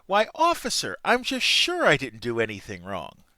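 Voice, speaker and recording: A man's voice: mid-range voice, wildly swooping pitch, normal speed, pushed and bright, dry recording, pitched below the performer's own voice. A man reading a mouthy young woman driver. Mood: coy. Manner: sarcastic, insulting.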